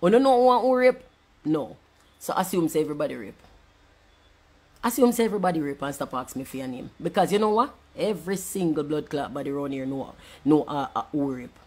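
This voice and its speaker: A woman's voice: deep voice, lively intonation, quick pace, darkish tone, breathy edge. Jamaican woman, angry monologue, blunt and profane, patois mixed with standard English.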